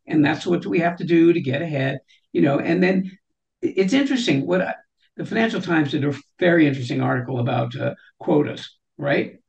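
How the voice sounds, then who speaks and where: An older woman with a deep, gravelly, darkish voice talks a little fast as an interview guest, joining by video call from a room at home lined with shelves. She restarts often and leans on "you know," and the audio sounds dull.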